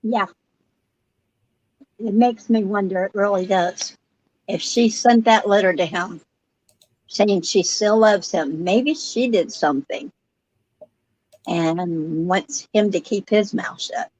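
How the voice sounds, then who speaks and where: Female co-host, unhurried delivery, low-key casual reactions, mid-range pitch. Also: a little mellow, rough recording. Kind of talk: casual chat.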